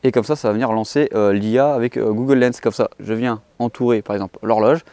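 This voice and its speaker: A man's voice: mid-range voice, fairly even intonation, quick pace, mellow, no echo. A man giving a casual, chatty tech product review and speaking straight to the viewer. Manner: chatty, addresses the viewer directly.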